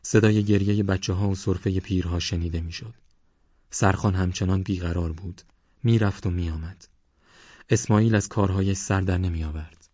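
A male audiobook narrator with a very deep voice, reading in a steady, measured way. The sound is dry with no room around it. The top end is a little dull. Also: husky, no room sound. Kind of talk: scripted narration.

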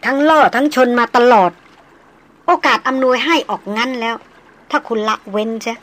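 A woman reading the part of a refined, self-assured young woman doctor, speaking slowly and deliberately. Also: a little high, fairly bright tone. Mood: frank. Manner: slow, measured, deliberate. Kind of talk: audiobook character reading.

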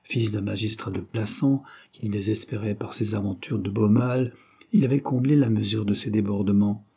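A man narrates a classic novel in a measured, literary reading. His voice sits low, with a dark and husky tone. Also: fairly even intonation. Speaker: audiobook narrator.

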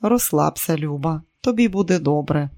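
A reader voicing a smooth, coaxing seducer. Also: male voice, a little high, expressive, moderate pace, darkish tone.

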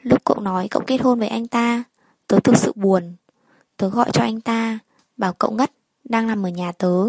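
A woman's voice: a little high, fairly even intonation, moderate pace, a little mellow, no echo. A woman reading the part of a scheming young woman confessing to a former friend.

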